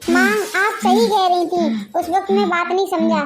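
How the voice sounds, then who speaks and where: A woman's voice: very high voice, fairly even intonation, normal speed, slight background noise. A woman voicing a bossy husband who harshly scolds his wife. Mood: stern. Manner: scolding, commanding.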